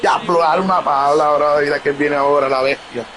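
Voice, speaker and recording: Excitable gamer, high voice. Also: male voice, normal speed, rough recording. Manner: excitable, bursts into shouts and exclamations; talks to his audience. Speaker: gaming streamer. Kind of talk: excited live gameplay commentary. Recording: loud stadium crowd noise from the game. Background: video game crowd sound.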